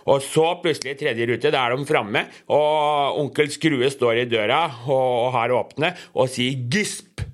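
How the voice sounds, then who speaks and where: Young male podcast host with an average-pitched voice; reads a comic aloud casually, rambling and hesitant as he describes the panels. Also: fairly even intonation, few pauses.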